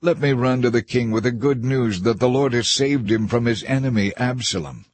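Storybook young messenger, pleading, read by a man, husky voice. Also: mid-range voice, normal speed, dry recording, lightly acted. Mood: eager. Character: eager young messenger who pleads to run.

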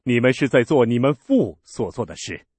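Earnest, firm male teacher, read by a man with lively, solemn delivery. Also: mid-range voice, normal speed, slightly rough, dry recording. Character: calm, authoritative male teacher.

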